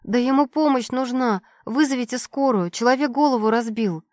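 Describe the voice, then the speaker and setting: A woman voicing a young female prisoner who pleads and shouts in an audiobook. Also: a little high, fairly quick, no echo, studio quality, pitched above the performer's own voice, natural voice. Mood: desperate.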